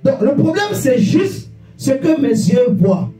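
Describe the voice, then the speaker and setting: Preaching with emphatic exhortation, a man repeats phrases and throws rhetorical questions at his listeners in a very high-pitched, sing-song, mellow voice at a slow pace. Faint music, an echoey room, and a distant microphone shape the recording.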